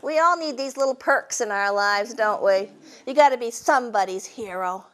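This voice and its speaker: A woman's voice: on the high side, normal speed, a bit bright. A woman telling humorous stories to an audience in a folksy, wry, conversational way. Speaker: storyteller and humorist hosting a program. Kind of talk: live humorous storytelling to an audience.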